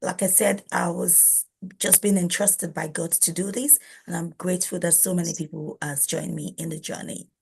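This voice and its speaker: A woman's voice: fairly low pitch, level tone, moderate pace, vocal fry, a little mellow, slightly rough. Chatty Nigerian woman hosting a live stream. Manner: chatty and informal, with frequent restarts. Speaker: host.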